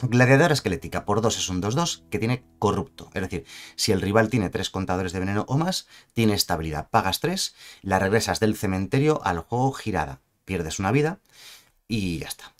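A man's voice: lowish voice, big pitch swings, fairly quick, faint music behind. A man from reviewing game cards in a chatty, self-correcting way, often asking "¿vale?" to his viewers. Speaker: card game content creator. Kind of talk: casual card review commentary.

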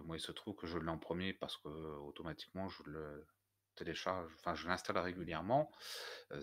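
A man walking viewers through a software tutorial step by step, hesitant and full of fillers. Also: sits low. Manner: hesitant, many "heu" fillers, step-by-step explaining. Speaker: WordPress tutorial host. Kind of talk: screencast tutorial.

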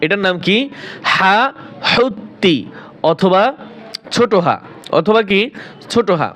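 High-voiced man teaching Arabic letters. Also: expressive, fairly bright tone. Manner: asks the viewer questions and answers them himself, repeats letters slowly. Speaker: Quran teacher. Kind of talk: Arabic alphabet pronunciation lesson.

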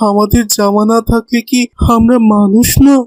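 A woman voicing a poor, gentle young boy in an animated cartoon, speaking softly and earnestly. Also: on the high side, moderate pace, close to an everyday voice. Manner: soft and earnest.

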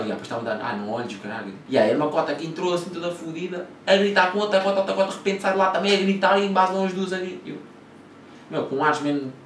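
This young vlogger from Portugal has a higher voice and a Lisbon slang accent, and he tells loose, rambling travel stories full of curses and fillers. There's a bit of hiss or hum, the room echoes, and the mic is far away.

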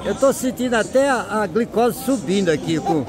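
A vlogger with a Northeastern Brazilian accent tours an outdoor street market, tossing off casual, jovial, teasing commentary in short, repeated exclamations. His voice is high-pitched and animated at a moderate pace, and the busy market around him is full of crowd noise, music, and traffic.

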